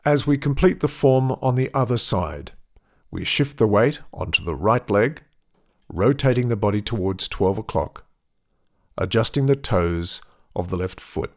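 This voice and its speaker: A man giving step-by-step tai chi instruction in measured, deliberate phrases with pauses between cues. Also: lowish voice, lively intonation.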